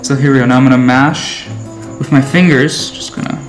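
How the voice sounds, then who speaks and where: A relaxed young man talks his way through a recipe in a large home kitchen, chatty and quick to laugh. His voice carries a roomy echo, with music playing clearly underneath. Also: medium pitch. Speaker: home cook host. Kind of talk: casual cooking demo.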